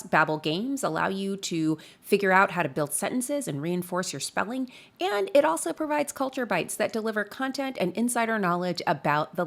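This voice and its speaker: Upbeat woman co-host reading an ad. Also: mid-range voice. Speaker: podcast co-host reading sponsor ads. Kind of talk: host-read ad.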